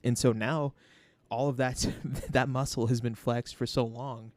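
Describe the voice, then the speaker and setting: A man's voice: mid-range voice, level tone, a little slow, no room sound. A man co-hosting a casual podcast, explaining himself earnestly and carefully, with many fillers and restarts. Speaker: podcast co-host.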